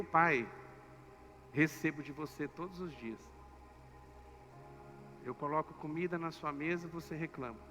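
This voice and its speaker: Man doing God as a soft, reproachful father, bright voice. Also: on the high side. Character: God as a gentle, sorrowful father. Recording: echoey church hall with soft music.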